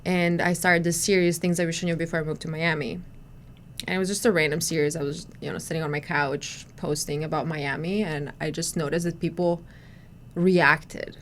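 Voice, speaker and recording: A Croatian woman in her thirties speaks English as a podcast guest, telling stories casually in a chatty way full of restarts and "you know" fillers. Her voice sits low with fairly even intonation at a normal speed, and there's a little hiss or hum.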